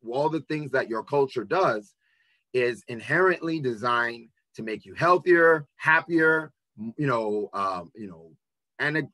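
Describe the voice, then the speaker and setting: Male presenter, bright and forceful tone, dry close sound; educational talk, halting delivery with many fillers. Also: medium pitch, no echo. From Nigeria and the United States. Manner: halting, full of ums and restarts. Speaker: webinar presenter. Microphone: video call.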